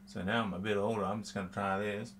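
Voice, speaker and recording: An older man puts on an exaggerated, fake Southern accent for a playful tasting vlog. His drawl is hammy and sits a little low in pitch. It is a homemade recording with a faint hum. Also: flat delivery, quick pace, fairly bright tone. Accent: fake, exaggerated Southern US, put on. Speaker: vlog host, drinks reviewer. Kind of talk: playful to-camera bourbon tasting in a put-on accent. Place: small room with bottle shelves, indoors.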